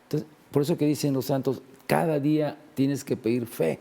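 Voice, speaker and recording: A man's voice: fairly high pitch, steady tone, normal speed, vocal fry, dark tone. A man in a conversational religious talk, discussing faith and healing and retelling gospel scenes with acted-out quotes.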